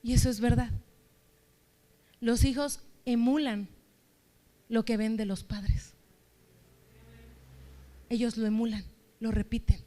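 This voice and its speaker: A woman's voice: a little high, steady tone, slow, pauses often, mellow. A woman church leader preaching a sermon, exhorting her listeners with strings of rhetorical questions.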